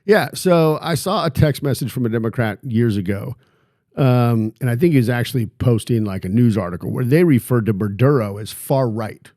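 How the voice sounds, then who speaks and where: A man's voice: medium pitch, normal speed, warm tone, dry recording, clean studio sound. A man hosting a casual interview, asking joking, teasing questions. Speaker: podcast host.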